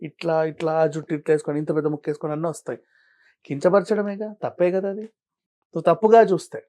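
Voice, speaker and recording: A man answering as an interview guest, arguing his point with a stream of pointed rhetorical questions and shifting from calm explaining to heated. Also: on the high side, fast. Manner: argumentative, fires rhetorical questions. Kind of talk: studio interview.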